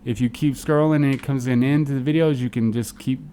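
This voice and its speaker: A man co-hosting a loose podcast chat, wandering through his points with frequent fillers and swearing. His pitch sits mid-range for a man. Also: fairly even intonation, a little fast, warm tone, a little hiss or hum. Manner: rambling and profane, with many fillers. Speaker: podcast co-host. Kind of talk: casual chat.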